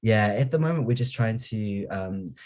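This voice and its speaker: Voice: medium pitch, animated, moderate pace, darkish tone. An author speaking earnestly and effusively in a casual interview over a video call.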